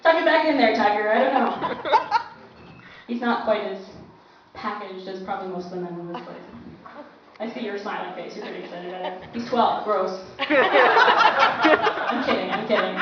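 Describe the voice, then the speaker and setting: High-voiced woman doing stand-up. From Canada. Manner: laughing often while telling the story. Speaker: stand-up comic and host. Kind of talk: stand-up comedy routine. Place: comedy club stage. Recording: echoey club from far off, dull muffled sound, background noise.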